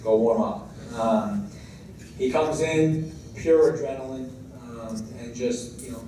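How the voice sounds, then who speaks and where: An American man, a head coach giving a semi-scripted tribute speech in a halting way, moving between read-out praise and informal asides. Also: mid-range voice. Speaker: high school baseball head coach. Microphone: distant microphone. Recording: very echoey room, distant mic, clear background noise.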